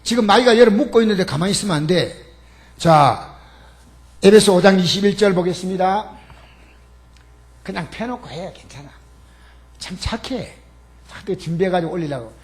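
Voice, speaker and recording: High-pitched, lively older Korean pastor preaching. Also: male voice, normal speed, pauses often. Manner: animated preaching with humorous asides; emphatic, calls out to the congregation. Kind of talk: sermon. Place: church sanctuary.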